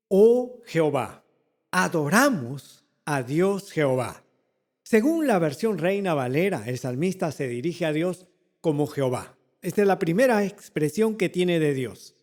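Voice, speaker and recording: A man delivers a sermon in a church. His voice sits high and his pace is unhurried. He repeats key words for emphasis and poses rhetorical questions to his listeners. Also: expressive, darkish tone, long reverb tail. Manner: slow, deliberate preaching with repeated phrases and rhetorical questions. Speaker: pastor.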